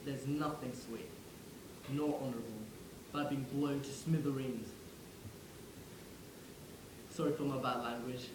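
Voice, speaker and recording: A man's voice: medium pitch, fairly even intonation, a little slow, pauses often, roomy sound, noisy background, close to an everyday voice. A man playing the ghost of a young soldier from the First World War, who speaks wryly and directly to the listener. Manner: wry, conversational, addresses the listener directly. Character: ghost of a young English WWI soldier, wry. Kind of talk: theatrical monologue.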